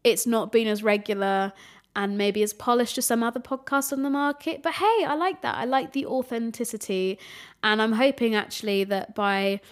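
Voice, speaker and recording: A young woman hosts her podcast alone, chatting casually to a camera at home. Her voice sits a little high and sounds somewhat nasal. She keeps things loose and conversational, not polished. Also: normal speed. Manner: chatty, relaxed, unpolished. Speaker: podcast host. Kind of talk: casual solo podcast chat. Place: home room with changing sunlight. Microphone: camera setup, recorded for video.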